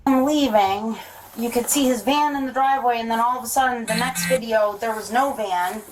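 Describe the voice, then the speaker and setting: A woman's voice: on the high side, normal speed. A woman in a played clip, explaining what happened in a matter-of-fact way. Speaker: interviewee in video clip. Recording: distant clip audio with faint room noise.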